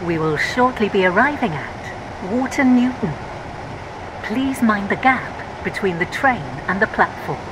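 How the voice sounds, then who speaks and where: A woman's voice: mid-range voice, a little slow, background noise, close to an everyday voice. Give me a woman voicing an automated onboard train announcer. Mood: calm. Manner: steady, scripted train announcements.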